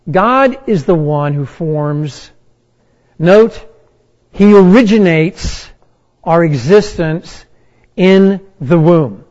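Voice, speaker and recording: A man with a fairly high voice preaches slowly and deliberately, leaning on each phrase with emphatic pauses. The recording is a little dull and lo-fi. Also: darkish tone. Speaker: pastor. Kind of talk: sermon.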